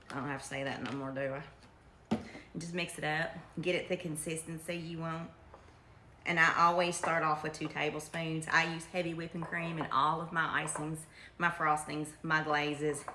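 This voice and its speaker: A middle-aged woman with a Kentucky accent, chatting in a folksy, homespun way as she demonstrates home cooking. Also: sits low. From Kentucky, United States. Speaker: home cook presenting a recipe. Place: home kitchen, indoors. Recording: echoey room with faint noise.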